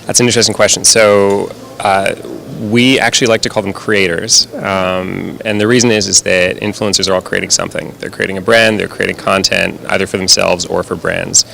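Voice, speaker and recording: A man with a very deep, gravelly voice that still has a bright, forceful edge. He answers interview questions in a casual, thoughtful way, with a few fillers. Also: flat delivery, brisk. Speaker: brand strategist.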